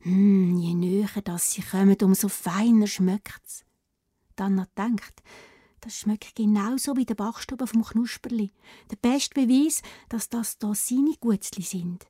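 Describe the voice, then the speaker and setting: A woman with a Swiss German accent narrating a children's fairy tale, often in a playful hush. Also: mid-range voice, steady tone, measured pace, slightly rough, no room sound, clean studio sound. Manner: often whispered, hushed and playful. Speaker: storyteller.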